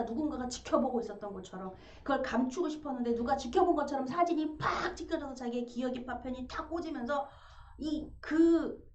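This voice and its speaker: Woman preaching in an echoey church. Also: sits high. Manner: animated, acts out quoted quarrels with sharp rises. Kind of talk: sermon. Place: church sanctuary. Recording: echoey church room, dull sound, faint noise.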